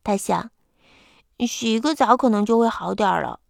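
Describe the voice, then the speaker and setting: A woman storyteller reading a bedtime picture book aloud, gently addressing children. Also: mid-range voice, normal speed, vocal fry, no room sound, clean studio sound.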